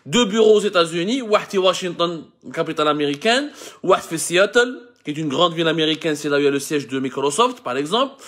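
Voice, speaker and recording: Animated Algerian man explaining. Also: a little high, fast talker. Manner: mixes French with Algerian Arabic, many restarts and lists. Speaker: host of a live show. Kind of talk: talking to camera, explaining to viewers.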